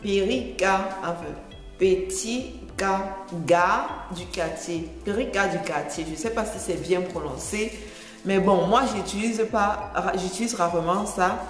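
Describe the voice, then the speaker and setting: A woman's voice: mid-range voice, measured pace. A chatty vlogger woman with a Cameroonian French accent explains slang to her viewers, going over each phrase more than once. Her voice rings out in a roomy space with a long echo tail. Faint music plays underneath. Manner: chatty, laughs often, repeats phrases to explain. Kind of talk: casual explanatory chat to camera.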